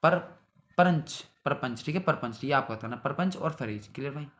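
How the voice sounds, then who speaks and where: A young man with a medium-pitched, slightly bright voice teaches exam-prep vocabulary at a moderate pace, sounding expressive. In this synonym revision lesson he drills word lists over and over, checking in with his students after each one with a "theek hai bhai."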